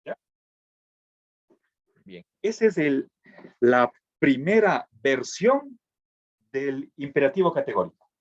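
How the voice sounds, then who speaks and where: A man teaching a philosophy class, pausing to check in with his students and restarting phrases as he goes. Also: mid-range voice, very animated, no echo. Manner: checks in with frequent "¿sí?", halting restarts. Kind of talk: classroom lecture. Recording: dull lo-fi dry recording.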